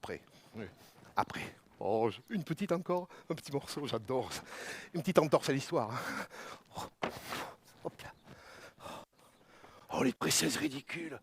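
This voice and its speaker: A man, a stage actor, murmuring low, chuckling asides between scenes of a solo show at a gala. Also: lively intonation, measured pace, gravelly, pauses often, slight background noise.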